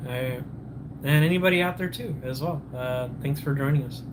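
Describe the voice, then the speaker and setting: A man's voice: medium pitch, moderate pace. Rambling man on a noisy morning stream. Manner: rambling, loses his train of thought, restarts often; greets viewers by name. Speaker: livestream host. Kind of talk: casual morning livestream chat.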